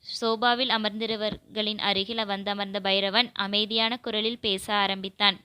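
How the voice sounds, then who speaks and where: Bright-voiced woman reading a novel. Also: mid-range voice, measured pace, smooth, no echo. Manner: steady, even reading. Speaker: audio novel narrator. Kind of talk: scripted narration.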